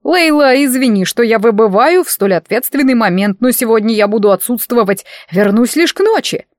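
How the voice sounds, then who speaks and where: A woman's voice: fairly high pitch, expressive, moderate pace, no room sound, studio quality, lightly acted. A woman voicing a sarcastic male talking wardrobe, a familiar who teases and grumbles dramatically. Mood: grumbling.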